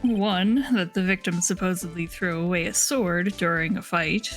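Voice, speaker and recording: A woman voicing an old, fussy male courtroom judge with a formal, deliberate reading for a voice-acted game reading. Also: on the low side, faint music behind, close to an everyday voice. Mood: stern.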